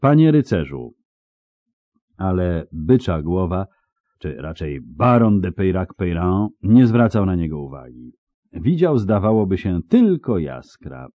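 Expressive low-voiced male narrator. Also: unhurried, no room sound, highs cut off. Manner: expressive, dramatic storytelling. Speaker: audiobook narrator. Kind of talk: scripted narration.

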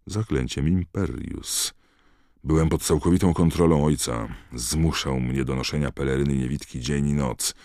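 Man reading a young man's dead monotone. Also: rumbling low, moderate pace, no echo, clean studio sound. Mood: flat. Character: young male prisoner under a truth potion.

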